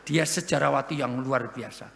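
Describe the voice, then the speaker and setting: A man preaching a humorous sermon to an audience, lively and joking, with sudden loud emphasis. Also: medium pitch, moderate pace, creaky. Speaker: Islamic preacher. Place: large hall at an event. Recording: echoey hall with long reverb.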